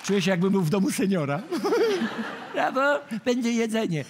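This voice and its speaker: A man's voice: high voice, sing-song, normal speed, some chatter behind, a little hiss or hum. A middle-aged man hosting a late-night talk show, teasing and mocking his guest and laughing at his own jokes. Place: TV studio with live audience.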